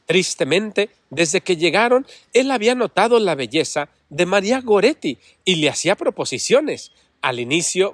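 A man's voice: fairly high pitch, a bit bright, dry recording, studio quality. A man, a priest who tells a saint's life as a sermon in a dramatic, sorrowful manner. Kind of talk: storytelling sermon.

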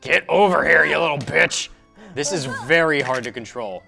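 A man doing casual let's-play commentary, excitable, teasing and swearing often as he plays. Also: a little high, moderate pace, gravelly, over music. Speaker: co-host of a gaming channel.

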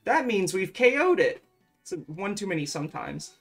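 Woman doing a lets play, reads the game text out loud all bouncy and jokey, faint music under it. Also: mid-range voice, sing-song, normal speed, breathy edge. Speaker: let's play co-host. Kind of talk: casual gameplay chat, reading game dialogue aloud.

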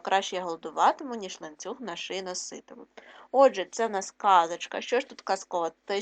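A woman teacher giving a recorded reading lesson for young children. She gives clear, patient explanations and asks her pupils questions. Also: medium pitch. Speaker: primary school teacher.

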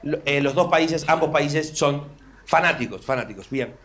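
A man with an Argentine accent doing stand-up comedy, telling stories in an animated, exaggerated, profane way. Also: fairly high pitch, moderate pace. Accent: Argentine Spanish. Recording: noisy live recording.

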